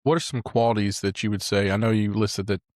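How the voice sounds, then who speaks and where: A man's voice: lowish voice, fairly even intonation, brisk, darkish tone, dry recording, clean studio sound. A man hosting a podcast, asking long, rambling questions that search for the point. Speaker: podcast host. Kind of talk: interview questions.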